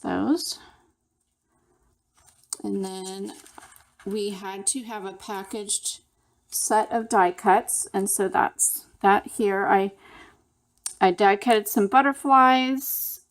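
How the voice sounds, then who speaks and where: A woman hosting a craft channel, casually walking through a handmade project step by step in a relaxed, chatty way. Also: mid-range voice, drawn-out words, long pauses.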